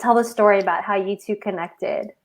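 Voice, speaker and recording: A woman's voice: medium pitch, steady tone, brisk, poor audio. A woman hosting an interview, asking questions with enthusiasm and stumbling over frequent restarts. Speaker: podcast host.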